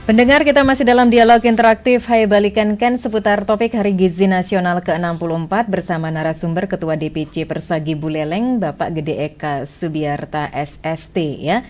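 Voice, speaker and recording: A woman's voice: lowish voice, fairly quick, few pauses, a little mellow, faint music behind. A woman hosting a radio talk show, reading listener messages and nudging the guest with short replies. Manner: reads listener messages, encouraging backchannels. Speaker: radio host.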